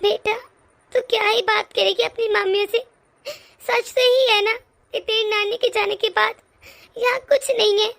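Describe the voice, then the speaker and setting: A woman voicing a gentle, resigned mother in a cartoon, crying as she speaks. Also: extremely high pitch, flat delivery, moderate pace, heavily acted. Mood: tearful. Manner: resigned, soft-spoken. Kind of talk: animated cartoon voice acting.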